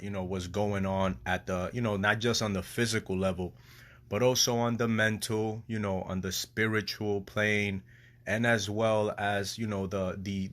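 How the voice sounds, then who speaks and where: Guy with a lowish voice just talking to his viewers, loose slangy rambling, swears a bit. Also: a bit bright. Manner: slangy, swearing, repetitive, searching for words. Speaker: host sharing and reacting to a video. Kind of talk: casual rambling late-night chat.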